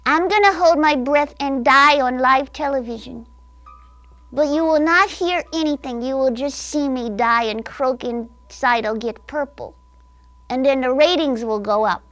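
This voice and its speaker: A high, squeaky little girl who complains and sulks, as a grown woman puts on her inner child. She rambles for attention in a petulant whine and won't sit still for the grown-ups. It is a live improvised comedy bit from a TV studio. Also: unhurried, a bit bright, no echo. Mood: dramatic sulk. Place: cable access TV studio.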